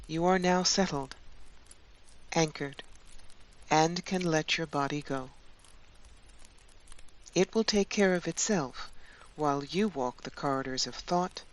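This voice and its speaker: Slow, soothing woman guiding a meditation. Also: sits low. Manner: slow, calm, soothing delivery with long pauses. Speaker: meditation guide and channel host. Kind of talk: guided meditation narration.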